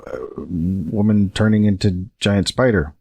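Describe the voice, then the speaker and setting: A man's voice: lowish voice, measured pace, darkish tone, slightly rough. A man co-hosting a podcast in casual chat, thinking aloud and asking questions.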